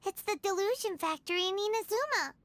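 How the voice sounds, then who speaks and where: A woman voicing a small, childlike, chatty fairy companion with a squeaky, earnest manner in a video game. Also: expressive, brisk, fairly bright tone, no room sound. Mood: uneasy. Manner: squeaky, childlike, refers to self by name.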